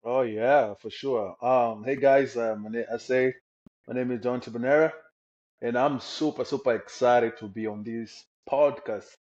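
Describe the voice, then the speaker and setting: A young man from the Democratic Republic of the Congo, guesting on a podcast, tells his personal story with energy and enthusiasm. His medium-pitched voice is steady, unhurried and a little mellow, and the lo-fi audio sounds slightly dull.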